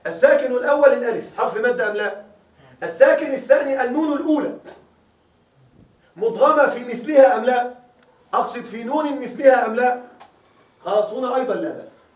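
In a classroom lecture on Arabic grammar, a man keeps making sure his students are following, repeating key words as questions for them to answer. His voice is extremely high-pitched and fast, broken up by long pauses. The audio sounds roomy, picked up by a distant mic in the classroom.

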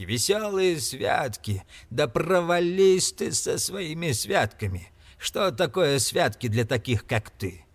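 A man reading an audiobook, voicing a miserly, grumpy old man who scolds and mocks. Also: husky. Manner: scolding, mocking, raised pitch.

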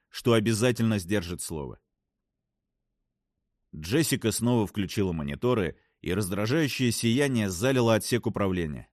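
A man narrating an audiobook in a calm, even reading voice. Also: lowish voice, no echo, studio quality. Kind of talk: scripted narration.

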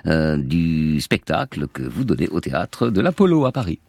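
A man hosting a radio interview, asking brisk, probing questions in a studio. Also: a bass voice, very animated, gravelly, darkish tone, husky, dry recording. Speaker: radio host.

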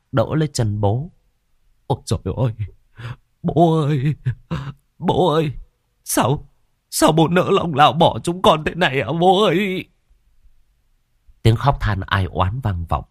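A man narrating a horror story in a dramatic, expressive way. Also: on the low side, husky, dry recording, studio quality.

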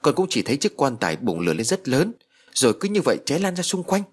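A man's voice: medium pitch, huge pitch swings, fast talker, voice pushed up. A man voicing a young nephew who explains hesitantly. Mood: flustered. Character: young nephew, unsure and flustered.

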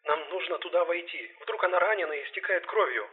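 A rattled young blonde policewoman, voice raised high yet held soft and trembling, as if heard from a step away, with a male narrator acting her out. Her lines come hushed and shaky in this audiobook. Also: expressive, fairly quick, phone-quality sound, lightly acted. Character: shaken young blonde female police partner.

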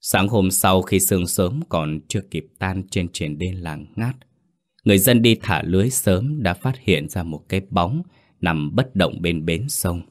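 Casual: low voiced guy reading a creepy ghost story, slow and dramatic. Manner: dramatic, measured. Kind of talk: scripted ghost story narration.

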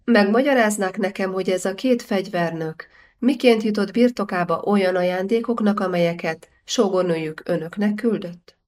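A woman's voice: medium pitch, darkish tone, lightly acted. A woman voicing a stern, cold, aging medieval king who gives commands. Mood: demanding.

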